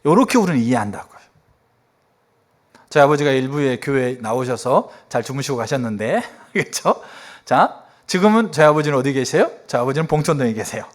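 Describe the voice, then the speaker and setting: A middle-aged male pastor preaching a sermon in a church, telling stories and acting out quoted dialogue with sudden jumps in his voice. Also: brisk. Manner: animated storytelling, acting out quoted dialogue with sharp pitch jumps. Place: church sanctuary.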